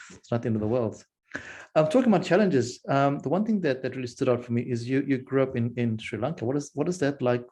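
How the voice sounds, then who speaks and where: A man's voice: mid-range voice, warm tone. A man from Zimbabwe, hosting a casual interview podcast and eagerly affirming his guest. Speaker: podcast host.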